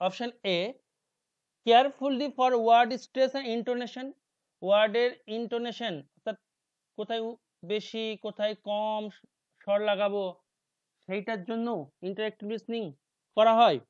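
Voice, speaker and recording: A male teacher with a Bengali accent talks through exam questions in a lecture. He reads English phrases slowly and drops into quiet asides. The recording is dry and a little dull. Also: fairly even intonation, smooth, no echo. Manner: explains slowly, reads English options aloud slowly, drops to low mutters.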